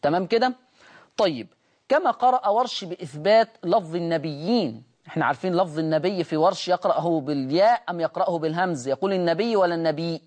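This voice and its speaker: Egyptian sheikh teaching Quran recitation. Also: male voice, on the high side, darkish tone. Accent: Egyptian Arabic. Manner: explains rules, then slowly intones example words. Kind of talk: recitation lesson.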